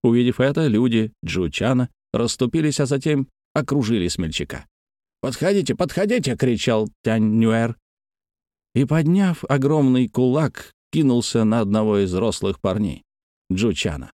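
A man narrating a story aloud, addressing his listeners, with expressive reading. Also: medium pitch, moderate pace, no room sound, clean studio sound.

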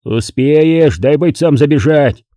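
A man's voice: on the high side, takes it slowly, mellow, no echo, studio quality. A man voicing a blunt old war commander who barks orders and grumbles. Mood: commanding.

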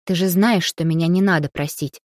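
A fussy young man pressing his help on someone, read by a woman in an audiobook. He comes out a little raised and louder, with an insistent, pushy edge. The sound is close and dry. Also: fairly low pitch, brisk, no room sound, close to an everyday voice. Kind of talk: audiobook character reading.

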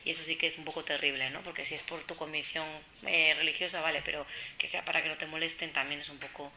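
A woman's voice: sits low, flat delivery, quick pace, bright, forceful tone, dull audio, slight background noise. A woman journalist from Spain giving an informal talk, chatty and storytelling, acting out the voices in her anecdotes. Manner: chatty, storytelling, acts out quoted dialogue. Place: social centre meeting room.

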